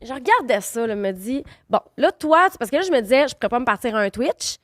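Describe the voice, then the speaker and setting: A woman's voice: fairly high pitch, sing-song, fast talker, no echo, studio quality. A woman with a Québécois French accent co-hosting a podcast, playful and teasing. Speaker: podcast co-host. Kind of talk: casual podcast chat.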